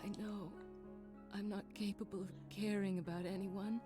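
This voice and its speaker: An actress playing a guarded adult female spy in video game cutscene dialogue, speaking softly. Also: mid-range voice, level tone, normal speed, lightly acted. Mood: tender. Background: game music.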